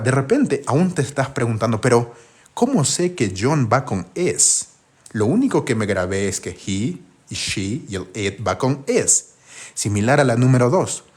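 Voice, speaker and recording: A husky, lower-pitched man giving a live grammar lesson. He walks through each step by posing questions to his viewers and answering them himself, with a lively, rising and falling delivery. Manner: patient, step-by-step explaining. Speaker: English teacher.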